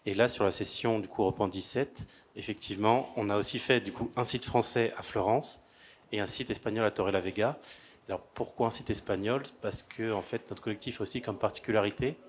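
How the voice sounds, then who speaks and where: A man explains his collective at a panel discussion, leaning on filler words. His voice is fairly low, with faint room noise behind him. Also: fairly even intonation, a little fast. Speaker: architect, panel guest.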